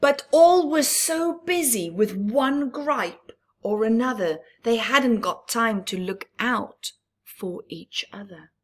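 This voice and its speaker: A woman with a slightly high, animated voice reads a rhyming picture book at story time. She goes slowly through the rhymes, pauses for chatty asides to the young listeners, and sometimes sinks into breathy whispers.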